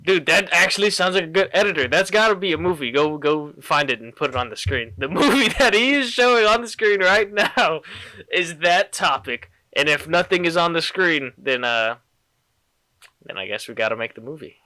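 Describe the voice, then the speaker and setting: A young man hosting a casual chat, joking and laughing often, his voice jumping higher when he gets indignant. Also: moderate pace, dry recording. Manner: animated, gets loud and high when indignant. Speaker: podcast host.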